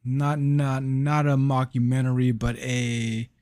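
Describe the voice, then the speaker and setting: A man's voice: mid-range voice, completely flat delivery, a little mellow, no room sound, studio quality. A man co-hosting a gaming podcast, chatting casually and searching for words as he reviews a game. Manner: slow, halting, searching for words.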